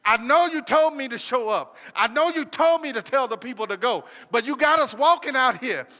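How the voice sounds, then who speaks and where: A man's voice: very high-pitched, lively intonation, normal speed, sharp tone, long reverb tail, heavily acted. A man voicing Moses as an anxious adult man who keeps asking questions in a plaintive tone.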